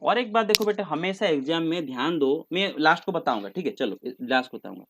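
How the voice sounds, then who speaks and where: A man's voice: on the high side, expressive, fairly quick, noisy background. A man teaching a maths class online, patient and coaxing, mixing English terms into his talk and calling students "beta".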